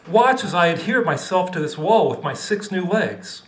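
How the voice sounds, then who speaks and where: A man's voice: sits high, expressive, normal speed, reverberant, voice pushed up. A man voicing a tiny carefree male insect who talks in a breezy, slangy, defiant way.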